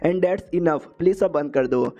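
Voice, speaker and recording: A man's voice: on the high side, unhurried, mellow, muffled recording, close to an everyday voice. A man voicing a lonely young girl spirit who pleads with an older woman, in his own everyday voice. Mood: pleading.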